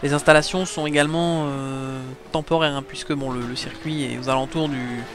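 A man's voice: mid-range voice, steady tone, moderate pace, a bit bright. A man giving live motorsport commentary on a sim race, explaining things to the viewers. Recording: clear background engine noise. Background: race car engines.

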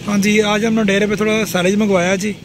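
A middle-aged man with a Punjabi accent and a fairly high voice talks casually into a phone held at arm's length. He strolls around an open farm yard, calling out to his animals and visiting children, with faint noise in the background. His tone stays chatty and courteous. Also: little pitch movement, fast talker. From Pakistan. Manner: chatty, sprinkles polite "ji", calls out to animals and children. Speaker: farm vlogger. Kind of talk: casual walk-around vlog. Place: outdoor dairy farm yard.

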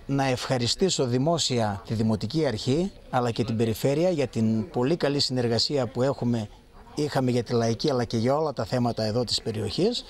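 A man in his fifties, a local association president, giving a formal statement outdoors into press microphones. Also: medium pitch. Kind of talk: formal thank-you statement to news camera. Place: outdoor street market. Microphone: handheld press microphones.

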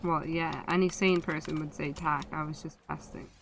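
A woman's voice: low-pitched, steady tone, moderate pace, gravelly, slight background noise. A woman in her twenties chatting casually while streaming a game, swearing freely and complaining dramatically. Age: 20s. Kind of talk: casual gaming chat.

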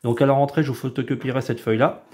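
A man, a preschool teacher, explaining a home activity to parents in a patient, step-by-step way, sometimes stretching words out slowly. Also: mid-range voice, flat delivery, darkish tone. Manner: patient, explanatory, drawn-out syllables when demonstrating. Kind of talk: instructional video for parents.

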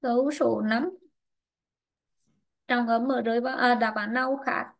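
Higher-voiced woman teaching an online class. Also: fairly even intonation, measured pace, vocal fry. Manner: patient, quizzing and prompting students by name. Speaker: English teacher. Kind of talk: online class, questioning students and explaining grammar rules.

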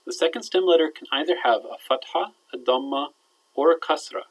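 A man's voice: on the high side, fairly quick, slight background noise, rough recording. Man teaching grammar in a recorded lecture. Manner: explanatory, checks in with "all right?", trails off quietly at ends of phrases. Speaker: Arabic teacher.

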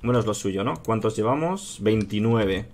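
A man with a Spain Spanish accent and a slightly low voice chats loosely to his viewers as he plays a strategy game. He reasons out loud, keeps calling his audience "tío", and the tapping of a keyboard is heard behind him. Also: animated, moderate pace. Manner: chatty, thinks aloud, addresses viewers as "chicos" and "tío". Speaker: gaming youtuber. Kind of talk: casual strategy game let's play commentary.

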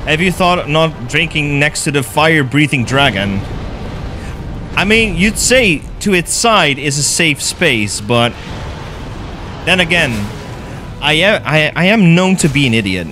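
Faint music plays behind this young man from the Netherlands, whose voice sits on the high side and moves a little slowly. Speaking with a Dutch accent in an indoor gaming room, he livestreams a game, gets excited, curses often, and reads out viewers' chat messages as he plays.

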